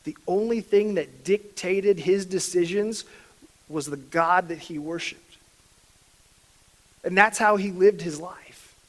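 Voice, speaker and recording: High-voiced man preaching emphatically. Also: takes it slowly, rough recording. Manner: emphatic, swinging between soft and loud. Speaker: pastor. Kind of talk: sermon.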